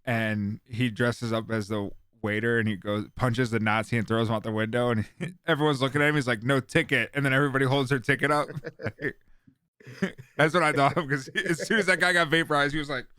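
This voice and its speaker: A man's voice: medium pitch, fairly even intonation, brisk, sharp tone, smooth, no room sound, studio quality. A man co-hosting a podcast in casual chat, laughing often and agreeing easily. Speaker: podcast co-host.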